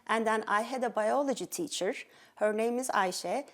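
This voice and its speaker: This interview guest is a pediatric endocrinologist, a middle-aged woman from Turkey whose Turkish accent colors her earnest telling of her life story. Her fairly high voice keeps a moderate pace, punctuated by fillers and restarts.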